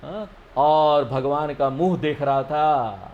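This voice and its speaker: A man giving a scripture lesson. He explains each verse slowly and often checks with his listeners. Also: on the high side, dull audio, a little hiss or hum. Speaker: spiritual teacher.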